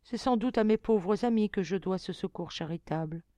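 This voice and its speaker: A woman's voice: mid-range voice, normal speed, a little mellow, no room sound, natural voice. A woman voicing a grieving, remorseful young girl in an audiobook, pleading and tearful in a raised voice. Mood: tender sad. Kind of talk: audiobook reading.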